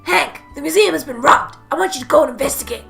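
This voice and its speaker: A woman voicing a brisk male police captain giving curt, hurried orders over the phone. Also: sits high, gravelly, fairly bright tone, faint music behind, full character voice.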